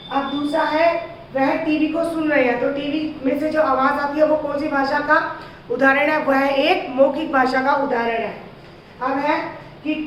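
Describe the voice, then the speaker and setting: A woman with a high voice teaches young children, explaining slowly and checking with questions. The recording is dull and lo-fi, picked up from some way off in a strongly echoing room. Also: a little hiss or hum. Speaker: school teacher. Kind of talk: classroom grammar lesson for young children. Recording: echoey, distant, dull lo-fi sound.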